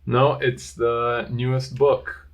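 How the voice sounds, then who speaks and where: Slow-talking teasing podcast host. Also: male voice, medium pitch, level tone, poor audio. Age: 30s. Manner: dry teasing, laughs often. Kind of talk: casual chat.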